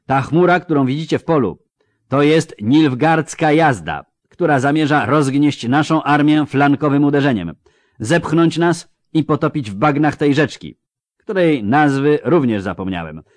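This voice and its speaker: A man's voice: fairly high pitch, expressive, normal speed, dry recording, voice pushed up, natural voice. A man voicing a crude, sarcastic army commander who mocks and bellows orders at his foot soldiers in an audiobook. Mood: mocking. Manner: mocking, coarse, barking orders. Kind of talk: audiobook character voice.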